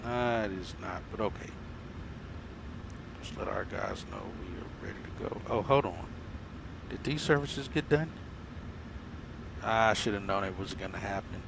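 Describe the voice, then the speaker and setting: A man's voice: low voice, sing-song, a little slow, long pauses. A man speaking as an airline captain, mixing casual cockpit chat with procedure callouts. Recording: clear vehicle and air noise.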